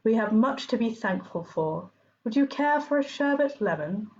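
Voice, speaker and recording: A woman doing a gentle, unhurried old wizard. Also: on the high side, expressive, highs cut off, voice pushed up, close to an everyday voice. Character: wise, calm old male wizard headmaster, gently amused.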